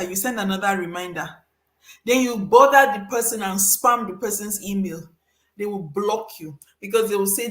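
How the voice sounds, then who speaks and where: A woman hosting a casual advice talk to her audience, emphatic and lively. She repeats points for stress and jumps into high voices to act out little exchanges. Her mid-pitched voice rings in a roomy echo. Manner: animated, acts out little scenes with sudden high voices. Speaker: host giving career advice.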